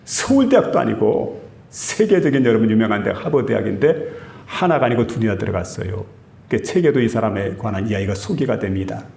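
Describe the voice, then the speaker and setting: A pastor with a Gyeongsang Korean accent preaching a sermon in a church, telling stories and asking the congregation questions. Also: male voice, on the low side, animated, brisk, gravelly, a little mellow. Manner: storytelling with quoted voices, asks the congregation questions. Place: church sanctuary. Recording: echoey church room.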